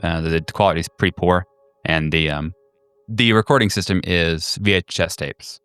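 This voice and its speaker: A man narrates a tabletop game as game master. His voice is low and smooth, and he feels his way haltingly through the scene over faint music. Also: steady tone, dry recording. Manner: halting, searching for words. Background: soft music.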